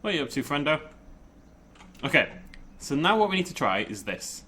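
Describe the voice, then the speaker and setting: A man's voice: a little high, big pitch swings, brisk, sharp tone, husky. A man giving casual, informal game commentary, thinking aloud and playfully talking to the game. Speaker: gaming video host.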